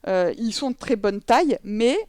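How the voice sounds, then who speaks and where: This demonstration tutorial features a French babywearing instructor explaining how to wear a babywearing coat, talking casually with plenty of fillers and self-corrections. Her medium-pitched voice is expressive, clear, resonant and darkish, at a normal pace, captured via headset in an echo-free studio recording.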